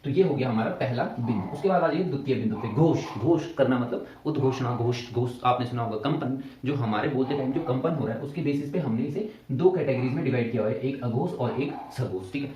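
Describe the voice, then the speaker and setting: A man's voice: mid-range voice, a little fast, few pauses, mellow, a little hiss or hum. A male teacher explaining grammar step by step, often checking back with his students. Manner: explains step by step, repeating "ठीक है" and asking questions back. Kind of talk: exam-prep grammar lesson. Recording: echoey room, mic at a distance.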